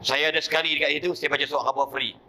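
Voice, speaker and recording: A male preacher with a Malaysian Malay accent tells lively stories in a sermon at a mosque. His voice is bright and forceful, sitting a touch higher than most men's. A faint hum of noise stays underneath his voice. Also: very fast. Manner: lively anecdotal storytelling, acting out voices.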